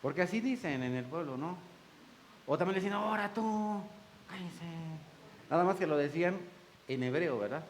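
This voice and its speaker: A pastor preaching in a folksy, joking way, and he acts out every voice he quotes. His voice sits fairly high for a man. A faint hiss of room noise runs under the recording. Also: animated, a little fast, poor audio. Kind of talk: sermon. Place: church.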